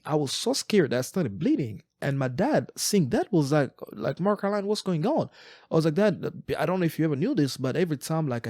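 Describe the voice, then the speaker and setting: A man in his forties from Eastern Congo co-hosts a podcast, chatting casually and reflectively with real earnestness. He often repeats words and restarts his sentences. His voice is a little high and darkish in tone, captured with clean studio sound and no room echo.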